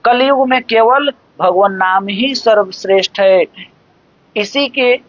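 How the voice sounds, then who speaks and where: A regular speaker giving a devotional discourse that explains scripture, talking in a measured, explanatory way and reciting verses slowly. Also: medium pitch. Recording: dull lo-fi dry recording.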